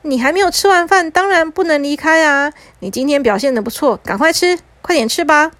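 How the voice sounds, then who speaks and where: A woman's voice: high-pitched, fairly bright tone, no echo, pitched above the performer's own voice. A woman voicing a patient mother who coaxes her child to eat. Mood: coaxing. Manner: brisk, coaxing.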